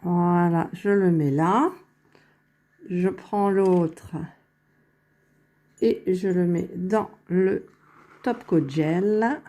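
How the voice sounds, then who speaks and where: Woman, casual crafting vlogger, slow and mellow, low-ish voice, very close to the phone mic. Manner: unhurried, thinking aloud while working, self-correcting. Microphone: phone held very close to the face.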